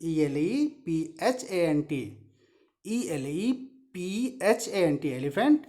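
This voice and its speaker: Slow, patient woman teaching kids. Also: lowish voice, big pitch swings, warm tone. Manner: slow, spells words letter by letter and imitates animal sounds. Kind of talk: children's lesson on animal sounds.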